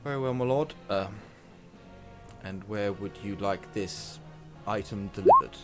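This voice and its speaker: A man's voice: lowish voice, measured pace, bright, forceful tone. Man playing a respectful, hesitant soldier over music. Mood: wary, deferential. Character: deferential armored soldier serving an inquisitor.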